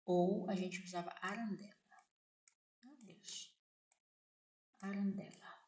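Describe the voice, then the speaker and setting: A Brazilian woman with a Brazilian Portuguese accent gives a casual spoken lesson, slowly repeating words and often checking with "né?". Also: mid-range voice, steady tone, dark tone. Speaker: vlogger teaching vocabulary. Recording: echoey room.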